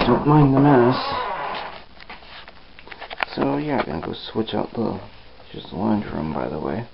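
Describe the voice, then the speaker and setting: Guy rambling through his day on old camcorder audio, muffled with steady hiss. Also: lowish voice, vocal fry. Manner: rambling, easygoing, frequent restarts and fillers. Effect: old camcorder audio, dull and hissy. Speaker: vlogger. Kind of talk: casual home video vlog. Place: his house, indoors and out front. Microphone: built-in camcorder mic, handheld. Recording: hissy lo-fi old camcorder sound.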